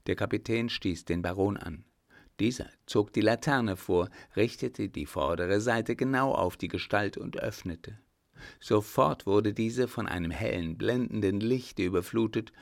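A man reading a novel aloud as narrator, in a steady, measured way. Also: on the low side, creaky, no room sound, clean studio sound. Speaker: audiobook reader. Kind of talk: scripted narration.

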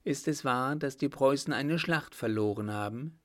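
A man's voice: mid-range voice, moderate pace, pitched above the performer's own voice, natural voice. A man voicing an anxious, loving young woman in a storybook reading. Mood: anxious, tender.

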